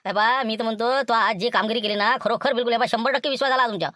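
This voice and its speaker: A man playing a fast-talking Varhadi boss. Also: extremely high pitch, steady tone, bright, forceful tone, no room sound, clean studio sound. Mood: bossy. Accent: Varhadi Marathi. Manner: bossy and rapid, fond of "ha" and "nahi ka". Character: scheming middle-aged businessman boss. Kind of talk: village comedy sketch acting.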